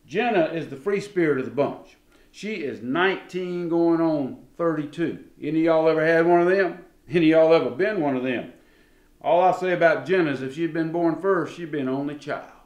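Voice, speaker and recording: A man's voice: a little high, normal speed, darkish tone, lo-fi sound. Folksy Southern man telling stories. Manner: folksy, drawling, addresses the audience directly. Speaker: storyteller. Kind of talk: folksy comedic storytelling. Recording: roomy echo.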